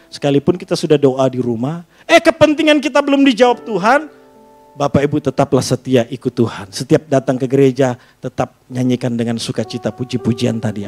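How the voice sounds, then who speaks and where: A man preaching a lively sermon in a church, often asking the congregation for an amen and slipping in jokes and casual asides. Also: fairly high pitch, brisk, soft background music. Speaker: pastor.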